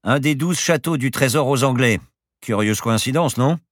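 A man's voice: medium pitch, normal speed, no echo, studio quality, pitched above the performer's own voice, lightly acted. A man voicing a boastful, eccentric professor who flies a plane and talks in grand, teasing phrases. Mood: playful boastful. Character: boastful eccentric old professor pilot, playful.

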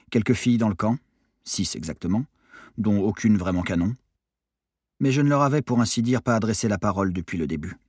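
A man reading a novel aloud as a calm, quiet first-person narrator. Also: deep voice, breathy edge, no room sound, clean studio sound. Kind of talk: audiobook narration.

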